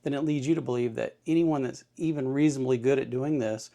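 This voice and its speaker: Fast and warm, with lots of gravelly fry in a mid-pitched voice, this man walks learners through building an electronics kit. His plain, folksy style reassures them as he repeats his points in casual hands-on tutorial fashion.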